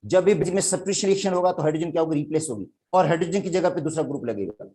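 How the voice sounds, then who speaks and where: In a chemistry lecture, a Sindhi-accented man from Pakistan explains things one step at a time and calls his students "beta." His voice is fairly high and mellow, and he talks rapid-fire.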